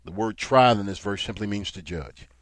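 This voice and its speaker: A man's voice: fairly low pitch, normal speed, dry recording. A man preaching a Bible lesson. He reads verses aloud in old-fashioned wording, then explains them and grows emphatic. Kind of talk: Bible teaching sermon.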